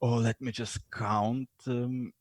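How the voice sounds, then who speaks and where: A man with a Croatian accent talks as a podcast guest, stopping often with fillers and restarting his sentences. His voice sits at a middling pitch, and the recording is close and dry with no room sound. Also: flat delivery, takes it slowly, dry recording. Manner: hesitant, many fillers and restarts, acts out voices in stories. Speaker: podcast guest, lean and innovation consultant. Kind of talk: conversational interview.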